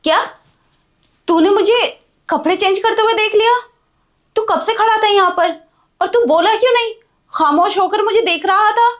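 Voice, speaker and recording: A woman's voice: very high voice, moderate pace, long pauses. A woman playing a blind housewife who scolds and rebukes indignantly in a melodramatic drama. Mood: shocked.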